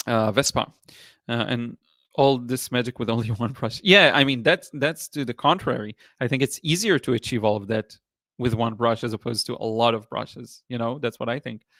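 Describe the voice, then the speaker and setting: A man in his thirties, a watercolor artist whose first language is Hebrew, hosts a painting livestream and reads viewer comments in casual chat. He has an Israeli accent and a medium-pitched voice, answering in a relaxed, halting way with many fillers, and the studio sound is clean with no echo.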